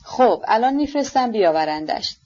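A woman voicing a haughty, irritable older noblewoman who fires sharp, impatient questions, on a dull lo-fi recording. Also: on the high side, expressive. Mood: imperious.

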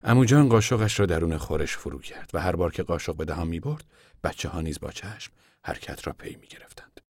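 A man narrating a novel in a soft, measured voice that is often hushed. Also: low voice, no echo, studio quality.

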